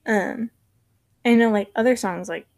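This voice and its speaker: Soft-spoken young woman saying "like" a lot. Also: a little high, unhurried, a crowd in the background. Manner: soft-spoken, heavy use of "like". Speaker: podcast guest. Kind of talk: casual podcast chat.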